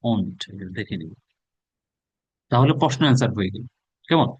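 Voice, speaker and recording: A Bangladeshi man teaching a spoken English class, drilling phrases through rapid repetition. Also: mid-range voice, expressive, husky, no room sound.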